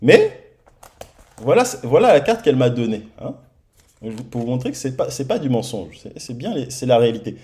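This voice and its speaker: A man preaching in church, telling his own testimony in a lively storytelling manner and acting out the dialogue. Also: medium pitch, fairly quick. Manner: lively storytelling, acts out dialogue, many repeated starts. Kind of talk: sermon testimony. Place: church hall.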